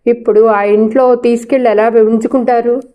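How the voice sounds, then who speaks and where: A woman's voice: on the high side, steady tone, normal speed, dark tone, close to an everyday voice. A woman voicing a proud, defiant young wife with a cutting, sarcastic way of talking.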